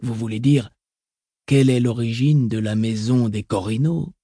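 A man voicing a calm, calculating mentat advisor in an audiobook, soft-spoken and reasoned. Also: medium pitch, normal speed, breathy edge, no room sound, studio quality, close to an everyday voice. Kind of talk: audiobook reading.

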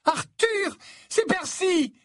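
A man reading aloud and putting on a high, shrill voice for a fussy motherly witch in a storybook. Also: sing-song, brisk, no room sound, clean studio sound. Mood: alarmed.

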